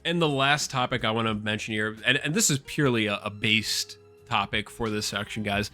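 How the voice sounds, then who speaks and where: A man giving casual, excitable commentary on a game, swearing often and calling his viewers "guys.". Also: on the low side, a little fast, faint music behind. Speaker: gaming YouTuber.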